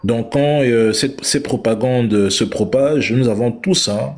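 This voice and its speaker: Husky-voiced male talk host. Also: medium pitch, measured pace, darkish tone. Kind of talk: live talk show chat.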